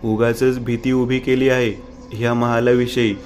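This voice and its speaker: A man's voice: mid-range voice, level tone, measured pace, a little mellow, a little hiss or hum, lightly acted. A man voicing a skeptical young man in a horror story who brushes off the ghostly signs. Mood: dismissive.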